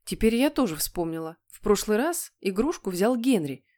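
A woman's voice: mid-range voice, big pitch swings, normal speed, mellow, no echo. A woman voicing a stern, firm mother in an audiobook reading. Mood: calm. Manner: firm, commanding. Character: stern mother of two boys. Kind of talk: audiobook character voice.

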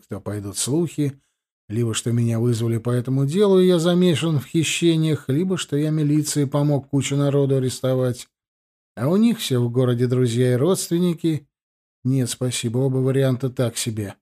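A man reading an audiobook aloud in a steady, measured narration. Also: medium pitch. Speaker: audiobook reader.

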